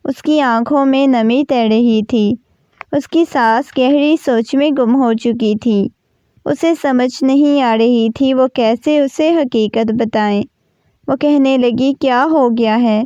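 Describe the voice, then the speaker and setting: A woman narrating a romance novel in a steady reading voice. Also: high voice, clean tone, no echo, lo-fi sound. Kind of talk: storybook narration.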